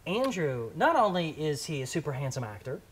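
A man's voice: fairly high pitch, big pitch swings, brisk, a bit bright, slight background noise. A man hosting a comedy podcast, playfully hyping up his guest. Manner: playful, hype-building. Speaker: podcast host. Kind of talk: casual chat.

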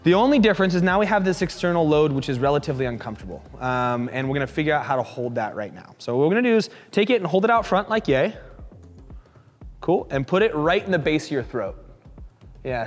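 A man coaching a fitness class, encouraging and joking as he calls out quick repeated cues. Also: on the high side, lively intonation, faint music behind. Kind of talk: live coaching class instruction. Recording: echoey hall reverb.

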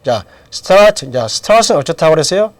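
A man's voice: a little high, big pitch swings, takes it slowly, no room sound. A middle-aged man teaching English grammar in a lecture, asking questions and then answering them himself. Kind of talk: lecture with drills.

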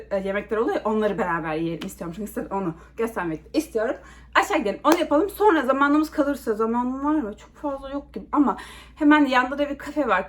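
A woman vlogging casually to a handheld camera, ranting in an animated, exasperated way while she walks around a small shop. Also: fairly high pitch. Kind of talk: casual vlog talk to camera. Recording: noisy ambient background.

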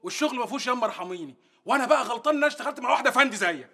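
An actor playing a boastful, shady antiquities dealer with an Egyptian accent, swaggering and dismissive. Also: male voice, very high-pitched, lively intonation, racing, sharp tone, husky, full character voice. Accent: Egyptian Arabic. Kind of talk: sitcom acting.

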